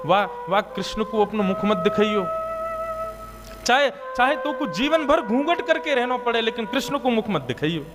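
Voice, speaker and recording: A man's voice: very high voice, sing-song, normal speed, over music, voice pushed up. A man voicing a worried, earnest mother who admonishes and warns her daughter, in a devotional story. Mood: warning. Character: Madhavi's mother, worried, earnest older woman.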